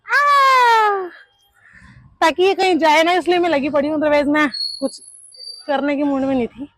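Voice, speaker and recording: A young mother of two narrates a casual family vlog while recovering from a sore throat, speaking briskly in a high-pitched, steady voice. She's chatty and homely, full of fillers like "theek hai."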